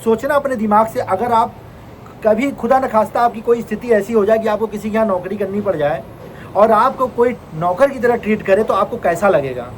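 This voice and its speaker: A man's voice: high voice, brisk, slight background noise, low-quality recording. A man vlogging about his day who turns to earnest, indignant rhetorical questions. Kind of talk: casual vlog monologue.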